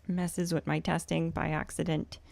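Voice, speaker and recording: Woman streaming games, scratchy hoarse voice w lots of fry, chatty, really dry sound. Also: low voice, level tone, moderate pace, a little mellow, no echo. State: hoarse from swollen throat. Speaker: live streamer, host. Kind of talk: casual game livestream chat.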